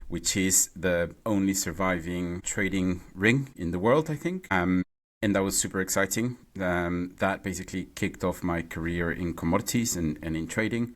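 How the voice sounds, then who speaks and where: A man from Mexico, a guest in a podcast interview, talking in a halting way and repeating words as he thinks. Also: sits low. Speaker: podcast guest, renewable energy CEO. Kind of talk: casual interview conversation. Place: home or office in London.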